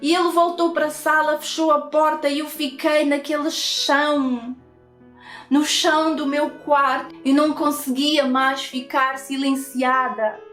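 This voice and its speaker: High-voiced woman giving earnest testimony. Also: little pitch movement, measured pace, fairly bright tone, roomy sound, faint music behind. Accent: European Portuguese. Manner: earnest, repetitive storytelling with tag questions. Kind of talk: personal faith testimony.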